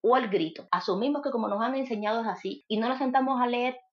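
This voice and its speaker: A woman's voice: a little high, fast, muffled recording. A woman with a Cuban Spanish accent in a conversational podcast, explaining earnestly and giving everyday examples. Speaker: guest speaking about parenting.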